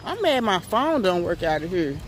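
Filming herself outdoors on a phone held out at arm's length, a young woman talks playfully to her audience while walking around a college campus. Her voice sits on the low side with big pitch swings at a moderate pace, and there is slight background noise.

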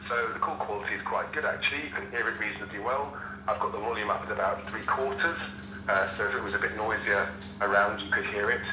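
A man's voice: lowish voice, steady tone, fast. Man, tech reviewer, phone speaker sound from a watch, echoey, noisy, casual demonstration. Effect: voice played through a small watch phone speaker.

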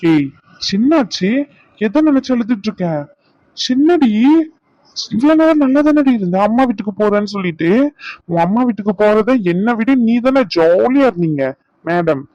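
A man's voice: high voice, expressive, normal speed, pauses often, darkish tone, dry recording, muffled recording. A man voicing a teasing, bossy young husband in a cartoon, scolding in banter. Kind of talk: cartoon voice acting.

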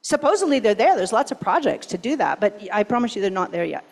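A woman's voice: fairly high pitch, very animated, quick pace, gravelly. A woman giving a conference keynote and answering questions, emphatic and urgent, often posing rhetorical questions. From Pacific Northwest, US. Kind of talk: conference talk and Q&A.

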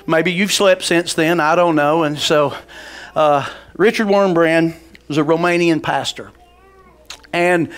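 A man, preaching a folksy sermon in a church sanctuary on a headset mic, calling out to the congregation. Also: a little high. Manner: folksy, calls on the congregation, rises to loud preaching; paces the stage, gesturing. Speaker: pastor. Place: large church sanctuary stage.

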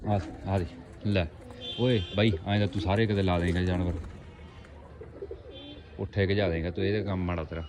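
A man's voice: deep voice, steady tone, moderate pace, pauses often. A man chatting informally to viewers like mates in a rustic, casual vlog. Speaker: pigeon-keeping vlogger. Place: outdoors on a rooftop at a home. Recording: noisy outdoor ambience, birds behind. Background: birds and outdoor ambience.

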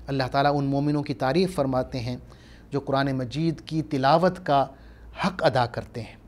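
A man with a Pakistani Urdu accent giving a measured religious lecture, stressing his points and reciting Arabic verses. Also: mid-range voice, fairly even intonation, a little mellow. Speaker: Islamic scholar.

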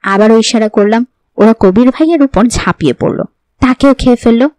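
A woman's voice: a little high, moderate pace, warm tone, no echo, close to an everyday voice. Woman reading as a young wife, strangely gleeful. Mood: cheerful, teasing. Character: young pregnant wife, oddly cheerful.

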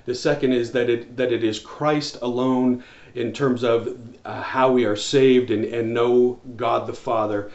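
A man's voice: mid-range voice, a little mellow. A man in his forties preaching a home church sermon to camera, earnest, with many restarts and fillers. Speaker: pastor. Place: small room with wall shelves, indoors. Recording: roomy, slightly dull sound.

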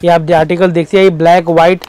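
A man's voice: a little high, little pitch movement, quick pace, a little mellow, smooth. Agreeable vlogger man in a shop. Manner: echoes the other speaker's words, agreeing. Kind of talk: casual chat. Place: wholesale shop.

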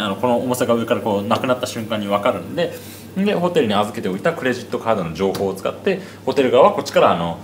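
A man's voice: medium pitch, roomy sound, a little hiss or hum. A man touring a hotel suite on camera, chatting casually with many fillers and asides. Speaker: travel vlogger. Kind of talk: casual room tour narration. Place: large hotel suite, indoors. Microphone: handheld 360 camera.

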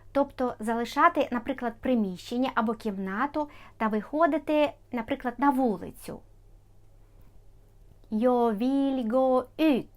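Brief: female tutor, slightly high voice, unhurried, drills words over and over. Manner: careful, repeats foreign words for practice. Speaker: language teacher. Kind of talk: slow explanatory language lesson.

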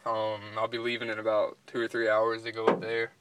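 Sitting in a parked pickup's cab, a young vlogger and dip reviewer chats casually to the camera. His voice is lowish, smooth and a bit bright, delivered in a monotone at a slightly fast clip.

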